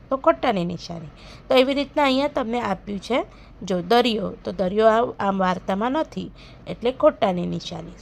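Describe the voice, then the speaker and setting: Woman reading a children's lesson, high voice. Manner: expressive, asks children questions. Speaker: teacher. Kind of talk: storybook reading and lesson explanation for young children.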